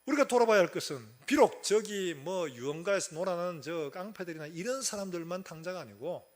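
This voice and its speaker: A man's voice: sits high, lively intonation, a little fast. A male pastor preaching a sermon emphatically, asking many rhetorical questions.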